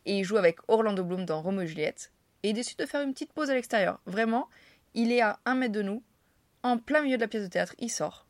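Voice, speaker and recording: A woman's voice: mid-range voice, animated, fast talker, dry recording. A young woman from France telling funny anecdotes to camera in a chatty, self-mocking way, with slang and frequent laughs. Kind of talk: casual storytelling to camera.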